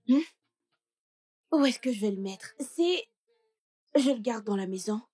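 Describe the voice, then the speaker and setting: An actress dubbing a brash, talkative young village woman who thinks aloud and fires back quick retorts. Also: fairly high pitch, a little mellow, breathy edge. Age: young adult. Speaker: dub actress. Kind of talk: dubbed film acting.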